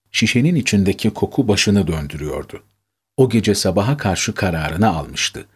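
Low husky male storyteller. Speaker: narrator. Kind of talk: scripted story narration.

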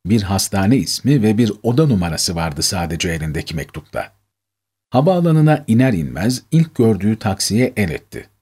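A man narrating a scripted story in a measured, emotive reading. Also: fairly low pitch, big pitch swings, a little mellow, slightly rough.

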